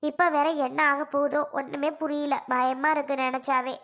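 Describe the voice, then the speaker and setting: Pleading cartoon mother, high. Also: level tone, moderate pace, fairly bright tone. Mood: worried. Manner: coaxing, pleading. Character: pleading middle-aged mother, woman. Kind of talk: cartoon serial voice acting.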